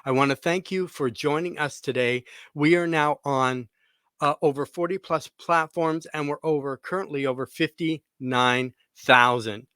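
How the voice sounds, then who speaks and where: A man's voice: fairly high pitch, normal speed, bright, forceful tone, clear, resonant tone, no room sound, studio quality. A man hosting a podcast, speaking in an upbeat, chatty way with plenty of fillers. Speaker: podcast host. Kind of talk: casual podcast interview.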